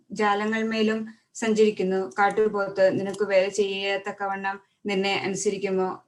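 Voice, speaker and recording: A woman reading scripture aloud at a steady pace, often stopping to restart a word. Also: mid-range voice, distant mic. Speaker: Bible reader.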